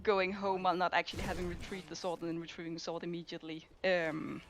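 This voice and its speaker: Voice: mid-range voice, little pitch movement, quick pace, slight background noise. A speedrunner talking casually through their own run on livestream headset audio, explaining tricks with small fillers. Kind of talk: live speedrun commentary. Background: loud game music.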